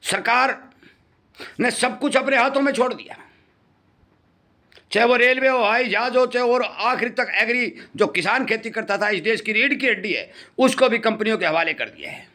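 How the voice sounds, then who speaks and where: A middle-aged man speaks to farmers in a high, ringing voice. He warns them in earnest and says his key points twice to drive them home. His tone is bright and forceful. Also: expressive, moderate pace. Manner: earnest, warning, repeats points for emphasis. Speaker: farming channel host. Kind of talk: impassioned commentary to farmers.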